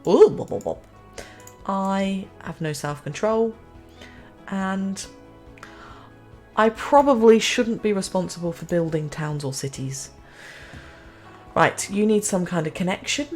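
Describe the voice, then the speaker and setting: A woman's voice: medium pitch, slow pace, long pauses, faint music behind. A woman giving casual, self-mocking commentary as she plays a city-building game, chatting to herself and the game.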